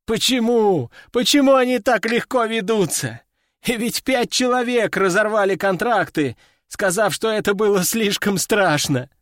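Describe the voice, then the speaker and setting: Man doing a wry, higher-voiced army major. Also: a little slow, a bit bright, no room sound, clean studio sound. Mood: amused, wry. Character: army major, amused and chatty officer.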